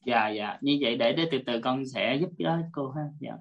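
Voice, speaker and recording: A woman's voice: rumbling low, fairly quick, lo-fi sound. A woman teaching an online class over a video call, politely explaining step by step and repeating her points.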